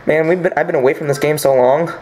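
A man's voice: on the high side, steady tone, fast, darkish tone, a little hiss or hum, rough recording. A man playing a party video game with a friend, chatting casually and trading sarcastic jokes. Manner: joking, sarcastic, rambling. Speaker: gameplay commentator. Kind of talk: casual gameplay banter.

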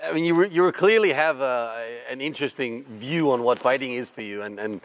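A man in his fifties interviewing a guest in a relaxed, conversational way, often repeating words as he thinks. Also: mid-range voice, normal speed. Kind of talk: interview questions.

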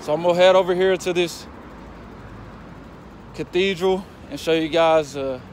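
Young male athlete, casual walk-and-talk vlog on a phone, slightly high voice, loud street noise behind. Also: normal speed. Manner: relaxed, grateful, talks while walking outdoors. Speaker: football player vlogger. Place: outdoor city streets and square. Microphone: phone camera held at arm's length. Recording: street noise and passing traffic.

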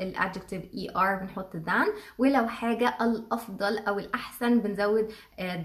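A young woman with an Egyptian Arabic accent teaching an English grammar lesson in a patient, casual way, repeating examples slowly with many fillers. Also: on the high side.

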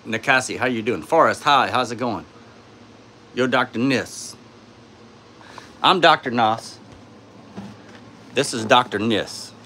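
Male streamer, sore throat, tired and laid-back, mid-pitched, phone mic in a home studio. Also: slow, pauses often, bright, forceful tone, slight background noise. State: sore throat, speaking softly. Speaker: YouTuber hosting a live stream. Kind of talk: casual live-stream chat, reading out and answering viewer comments. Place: indoors in his home studio.

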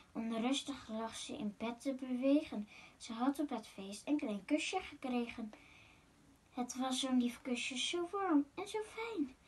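A woman reading a rhyming children's picture book aloud as a masked guest reader, in a gentle, sing-song way. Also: fairly high pitch, breathy edge.

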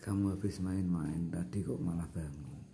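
A man's voice: low voice, steady tone, mellow, slight background noise. A man talking casually to his pet, coaxing it to sleep. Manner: slow, soothing, coaxing an animal to sleep. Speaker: pet vlogger.

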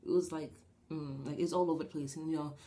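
A young New Jersey woman rambles through a casual storytime vlog in a small bedroom, recorded by a webcam at desk distance. Her low voice is raspy and slightly shaky after a breathing treatment. She's animated, with lots of fillers and quick gestures.

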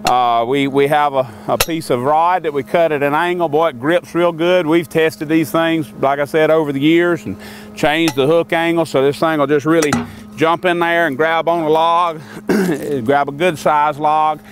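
A man's voice: fairly high pitch, steady tone, moderate pace. An older man casually demonstrating sawmill tools outdoors, talking in a folksy, rambling way with many fillers. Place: outdoors by a sawmill and in a wooded lot.

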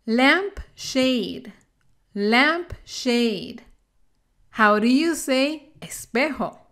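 A woman teaching English vocabulary to Spanish speakers, saying each word slowly and carefully and then repeating it. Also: high-pitched, expressive, a bit bright. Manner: slow, careful word-by-word pronunciation drills. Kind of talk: bilingual vocabulary lesson.

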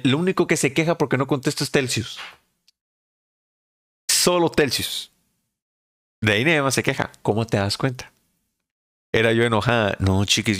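A man's voice: mid-range voice, no room sound, clean studio sound. A man chatting and joking casually on a live stream.

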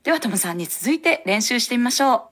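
A woman hosting a language lesson, giving clear, instructive scripted explanations on a studio microphone. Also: on the high side, animated, fast, a bit bright.

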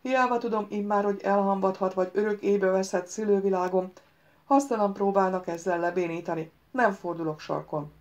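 A woman's voice: medium pitch, darkish tone, muffled recording, close to an everyday voice. A woman voicing a proud young prince who answers back defiantly and sarcastically.

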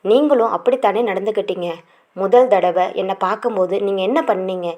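Woman narrator doing a frightened young bride-to-be in an audiobook: soft, timid. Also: mid-range voice, brisk, close to an everyday voice. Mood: anxious. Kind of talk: audiobook character reading.

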